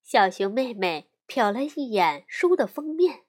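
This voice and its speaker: 一位女性用缓慢而富有表现力的语气朗读儿童故事。. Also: female voice, a little high. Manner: slow, expressive storytelling. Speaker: storyteller. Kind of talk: children's audiobook narration.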